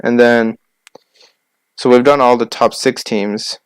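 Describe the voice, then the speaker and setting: A young man co-hosting a casual sports podcast, listing names quickly and arguing his picks. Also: mid-range voice, fairly even intonation, smooth, no echo. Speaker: podcast co-host.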